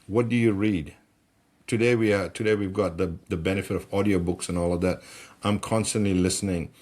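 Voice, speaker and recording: A middle-aged man from Malaysia speaks in a fairly low voice as a podcast guest. He tells stories with animation and keeps restarting words as he gets excited. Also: fairly quick. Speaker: guest, personal development coach. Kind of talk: conversational storytelling.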